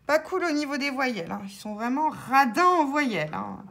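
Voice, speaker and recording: A woman's voice: high-pitched, very animated, moderate pace, fairly bright tone, a little hiss or hum. A woman vlogging as she scratches lottery tickets, chatting casually and calling out the letters as she goes. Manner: chatty, thinks aloud, spells out letters.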